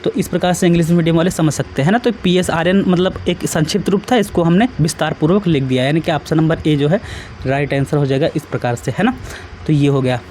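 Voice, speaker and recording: A man's voice: a little high, fast talker, a little mellow, a little hiss or hum. A man, teaching an exam-prep lesson in a casual, repetitive way and often checking that students follow. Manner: repetitive, asks students questions, adds tag questions.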